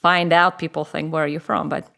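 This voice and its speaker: A woman's voice: low-pitched, little pitch movement, fairly quick, creaky, sharp tone. A woman from Moscow with a Russian accent, telling her personal story as a guest in a conversational interview. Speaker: podcast guest.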